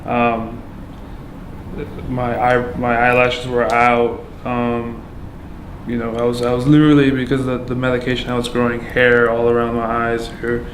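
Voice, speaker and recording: A man from Afghanistan tells his story as a patient in a monotone, with hardly any rise or fall in his voice. He halts often, filling gaps with fillers and restarting his sentences. The room echoes and there is clear noise behind him. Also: mid-range voice. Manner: halting, with many fillers and restarts. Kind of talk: candid personal testimony.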